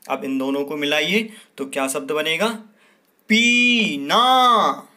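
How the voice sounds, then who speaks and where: A man teaching young children to read, sounding out syllables one by one and then calling out each answer higher and louder. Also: fairly even intonation. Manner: slow, clearly sounds out each syllable, then raises pitch and volume for the answer. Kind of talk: children's Hindi lesson.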